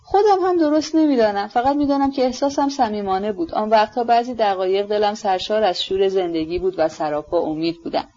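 A woman voicing a soft-spoken earnest young nobleman, shy and sincere, audiobook, kinda muffled. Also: mid-range voice, hardly any pauses, natural voice. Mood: reflective. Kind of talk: audiobook reading.

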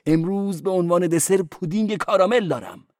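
A man's voice: high-pitched, a little mellow, no room sound, clean studio sound, voice pushed up, natural voice. A man voicing a meddlesome male church porter who giggles, gushes and lectures in a sly way. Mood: sly, gleeful.

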